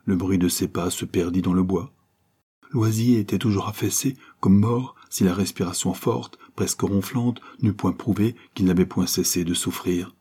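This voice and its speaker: A man narrating an audiobook in a steady, measured storytelling voice. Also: low-pitched, husky.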